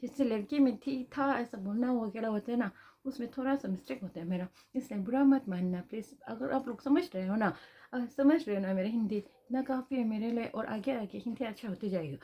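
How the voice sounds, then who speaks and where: A woman's voice: a little high, a little fast, dark tone. A Tibetan woman with a Tibetan accent, telling a personal story in a chatty vlog, repeating phrases and tagging questions as she goes. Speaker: vlogger.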